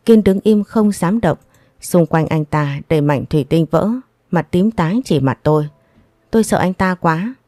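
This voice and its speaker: A woman reading a first-person audio story in a steady, even storytelling manner. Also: on the low side, normal speed, no room sound, studio quality. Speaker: narrator.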